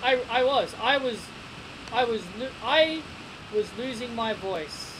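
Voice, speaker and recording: Recorded on a desk webcam in a small bedroom, a young man gives a casual wrestling review, excitable and repeating himself with stammering restarts. His voice is extremely high and a little slow, and the home recording is noisy.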